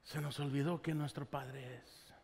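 A male pastor delivering a sermon during a live church service, telling Bible stories in an animated way and acting out what the characters say. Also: mid-range voice, unhurried, vocal fry. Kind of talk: Spanish-language sermon. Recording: long reverb of a church hall.

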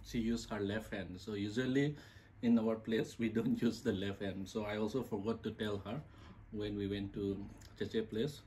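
A man chatting over a meal with his wife, relaxed and teasing as he asks her questions. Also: lowish voice, normal speed, few pauses, slight background noise. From Manipur, India. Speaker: vlogger and husband. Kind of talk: casual chat over a meal. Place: home kitchen or dining table.

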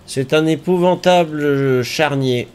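A man streaming a game, reacting out loud with yelps and groans and talking to the enemies on screen. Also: on the high side, a little slow, clean tone. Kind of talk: live gameplay commentary.

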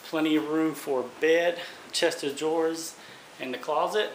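A man's voice: on the high side, fairly even intonation, unhurried. A man giving a casual walk-through commentary inside a small empty trailer, recorded on a handheld phone. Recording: noisy handheld recording with clicks.

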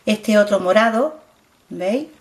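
Expressive and unhurried, this medium-pitched middle-aged woman from Spain, speaking with a Spanish accent, shows off her products on camera as a beauty vlogger. Her tone is casual, and she says things more than once while telling viewers to take a close look.

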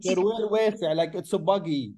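A man's voice: sits high, rapid-fire, warm tone. A man in his forties with a Lebanese accent, coaching children in drawing over a video call and repeating praise. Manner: encouraging, mixes English with Lebanese Arabic, repeats praise. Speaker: art coach. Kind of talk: remote drawing lesson. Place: small room, indoors. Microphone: video call webcam.

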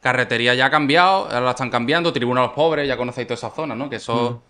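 A young man from Málaga with an Andalusian accent, chatting as an interview guest and telling slangy, animated stories. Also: mid-range voice, racing. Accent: Andalusian Spanish from Málaga. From Málaga, Spain. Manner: slangy, animated storyteller who acts out other people's lines. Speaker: interview guest, rapper and streamer. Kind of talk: casual interview chat.

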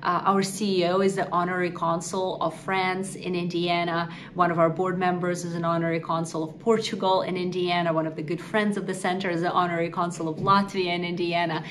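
The speaker is a nonprofit executive from Ukraine, addressing the camera earnestly and articulately in a prepared interview in an indoor office, against a wall. Her fairly low voice is flat and a little fast, with few pauses and slight background noise.

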